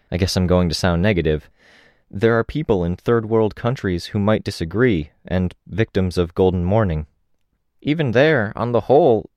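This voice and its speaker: A man's voice: lowish voice, dry recording, pitched above the performer's own voice, lightly acted. A man doing a rambling old woman. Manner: rambling, gently confiding. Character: chatty old woman on a train, earnest.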